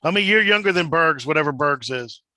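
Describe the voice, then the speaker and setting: A man's voice: a little high, animated, a little fast, pushed and bright. A man in his late forties chatting casually, often hesitating and restarting his sentences. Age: 40s. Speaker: co-host called Coach. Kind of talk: casual chat.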